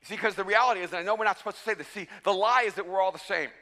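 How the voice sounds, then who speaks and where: A pastor from El Salvador preaching a sermon, animated and self-mocking, often stumbling and repeating words as he restarts. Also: high-pitched, rapid-fire. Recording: long hall reverb.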